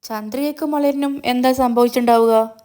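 A woman voicing a scheming older grandmother who whispers suspicions in a TV serial retelling, in a smooth voice. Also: a little high, steady tone, brisk, lightly acted. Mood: suspicious. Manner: hushed, suspicious, insinuating.

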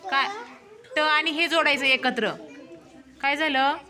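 A woman's voice: sits high, fairly even intonation, takes it slowly, sharp tone, some chatter behind. A woman teaching young children in a classroom, coaxing answers with repeated short questions. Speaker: primary school teacher.

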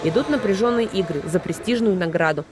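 A woman's voice: medium pitch, brisk. A woman reporter reading a scripted sports news narration. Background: music.

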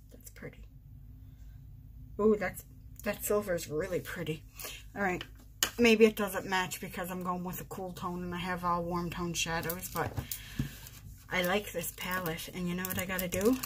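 Her voice is on the low side and level, unhurried, with long pauses, and a little hiss or hum sits under it. She's a vlogger in her forties doing her makeup on camera in her bedroom, talking casually, mocking herself, and explaining each step.

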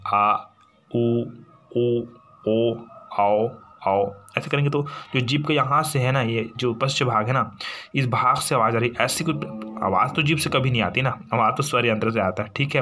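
Male teacher from India, exam-prep lesson, bright forceful voice, asks his own questions and answers them, many tag questions. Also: medium pitch.

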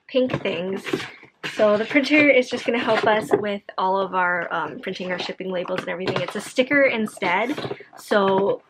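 A tired young woman with a medium-pitched voice vlogs casually to camera from her home office indoors. She chats and rambles with many fillers, and the background is noisy.

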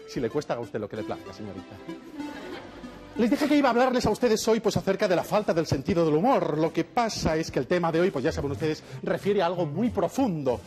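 A man performing a stand-up routine on a TV show in a mock-lecturing, teasing manner, jumping into high voices for the characters in his jokes. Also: very animated, a little fast. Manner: mock-pompous, teasing the audience, acts out joke characters with sudden high voices. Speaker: stand-up comedian on a TV game show. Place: television studio before a live audience. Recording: TV studio with loud crowd and music. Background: audience laughter and applause, music.

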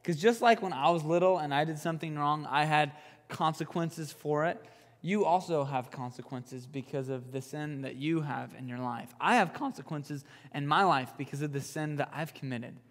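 A young man preaching a youth sermon, an animated storyteller who jokes and uses fillers. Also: on the high side, moderate pace, in a large hall. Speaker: youth pastor. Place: youth group room.

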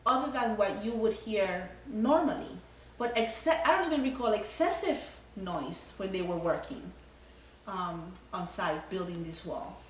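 A woman's voice: mid-range voice, measured pace. A middle-aged woman, a homeowner, earnestly telling a long story at her dining table with many fillers. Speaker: homeowner giving a testimonial. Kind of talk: casual testimonial. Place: dining room of a house, indoors. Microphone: far camera. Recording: roomy, distant camera audio, faint hum.

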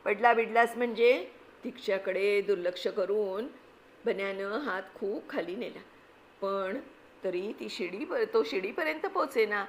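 A woman reading a children's adventure story aloud, with expressive, lively narration. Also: medium pitch, unhurried, slight background noise, poor audio. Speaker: reader.

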